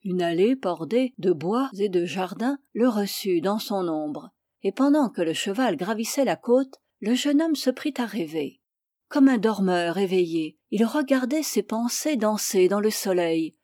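A woman narrating a classic novel in a measured, expressive reading. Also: mid-range voice, no echo, clean studio sound. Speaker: audiobook reader. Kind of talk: scripted literary narration.

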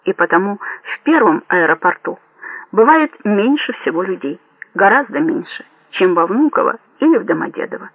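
A man voicing a cautious male colonel who reasons slowly and deliberately. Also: high voice, lively intonation, fairly bright tone, slightly rough, no echo, exaggerated voice, low-quality recording. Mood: thoughtful. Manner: slow, deliberate, reasoning aloud.

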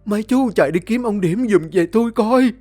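A man doing a shrill panicked woman shouting orders. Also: brisk, faint music behind. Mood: frantic. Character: panicked middle-aged woman, shrill and commanding.

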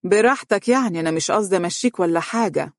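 Storybook: woman doing a sarcastic Egyptian stepmother, raised, husky voice. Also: medium pitch, expressive, racing, a little mellow, no echo, clean studio sound, voice pushed up, natural voice. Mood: sneering. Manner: mocking, sarcastic. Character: sneering middle-aged stepmother, spiteful.

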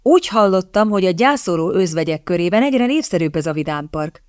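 A woman's voice: on the low side, animated, dry recording, clean studio sound, close to an everyday voice. A woman reading aloud as a stern young English lord who speaks sharply and suspiciously, in a storybook reading. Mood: cool cutting. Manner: cool, cutting, suspicious.

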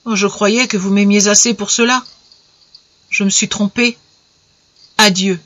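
A woman's voice: mid-range voice, fairly even intonation, unhurried, a bit bright, no echo, highs cut off, close to an everyday voice. A woman reading aloud, voicing a distraught, resolute young society wife in a story. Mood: anguished. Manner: pleading, then firm and grave.

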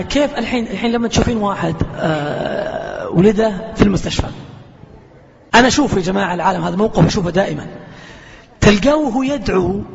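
A quick, high-voiced man preaches, animated and earnest. He sounds muffled, with a long reverb trailing through a big lecture hall. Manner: animated storyteller, earnest exhortation. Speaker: preacher answering questions. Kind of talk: lecture with audience Q&A.

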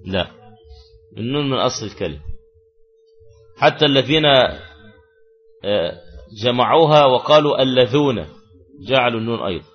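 A man's voice: mid-range voice, animated, normal speed, pauses often, dull audio, soft background music. Man teaching Arabic grammar. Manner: repeats key words, asks the class questions. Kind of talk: classroom grammar lesson.

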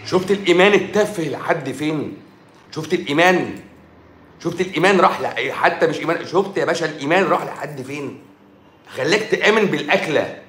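Egyptian male doctor, rapid mocking livestream rant, echoey room sound. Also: on the high side, animated, fairly bright tone, a little hiss or hum. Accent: Egyptian Arabic. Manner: sarcastic, mocking, scolding. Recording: roomy echo.

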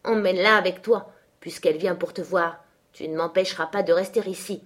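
A woman's voice: lowish voice, fairly even intonation, fairly quick, close to an everyday voice. Woman doing a furious, brutish young man.

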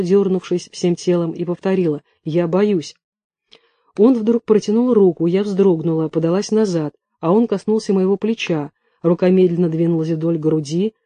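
A man reading first-person fiction aloud in a hushed, tense storytelling manner. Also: sits high, no echo. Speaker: audiobook reader.

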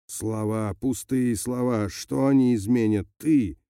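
Man playing an older domineering man, enraged, hoarse, shouting, deep dark tone, dry sound. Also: slow pace, dry recording. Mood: furious. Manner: shouting in rising fury.

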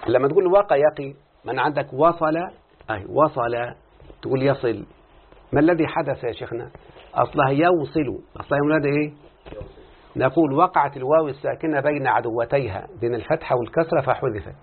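Speaking quickly in a slightly rough, medium-pitched voice, an Egyptian sheikh gives a recorded lesson on Arabic morphology. He asks his students question after question, answers them himself, and switches between classical and colloquial registers. The audio is lo-fi and tinny, like a phone.

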